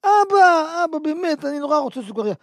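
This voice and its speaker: A man's voice: very high-pitched, very animated, fairly bright tone, no room sound, studio quality, voice pushed up, exaggerated voice. A man doing a whiny begging little boy. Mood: pleading. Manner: pleading, repeating "dad". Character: small boy begging his father for candy.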